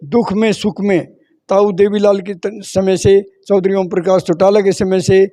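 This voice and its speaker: A man's voice: high-pitched, flat delivery, unhurried, dark tone, no room sound. A man from Haryana, speaking as a party supporter in a street interview, emphatically stacking up points in repeated phrases. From Haryana, India.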